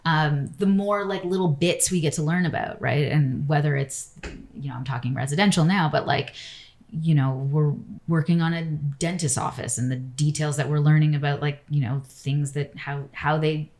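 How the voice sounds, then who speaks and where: Low-voiced chatty woman architect. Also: moderate pace, darkish tone. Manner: chatty, rambling, full of "like" and "you know". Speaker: architect guest. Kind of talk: casual interview chat.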